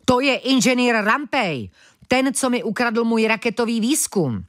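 A woman voicing a boastful, quick-tempered male tech inventor who snaps at his rival, in a children's audiobook. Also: mid-range voice, expressive, voice pushed up, close to an everyday voice. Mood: snappy boastful. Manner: snappy, boastful. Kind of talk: audiobook character voice.

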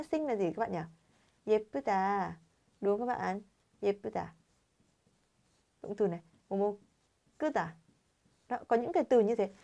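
A woman's voice: mid-range voice, dark tone. A woman teaching a Korean grammar lesson to learners, constantly quizzing viewers with rhetorical questions.

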